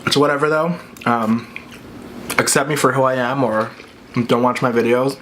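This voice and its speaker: In a chatty mukbang vlog, a male host speaks candidly with his mouth full, chewing as he goes and dropping "like" throughout. His mid-range voice is steady and fairly bright, at a normal speed. Dish clinks, clicks, and clear background noise are audible.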